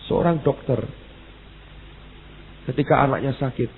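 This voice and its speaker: A male pastor preaching an emphatic sermon, repeating exclamations and reading verses slowly. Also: mid-range voice. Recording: tinny phone-like sound with faint hiss.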